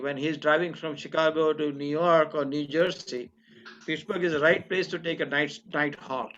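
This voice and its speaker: An older man organizing a class reunion on a video call, chatty and rambling with fillers and restarts, slightly hoarse. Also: fairly high pitch, a bit bright, slight background noise. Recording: dull lo-fi video call audio.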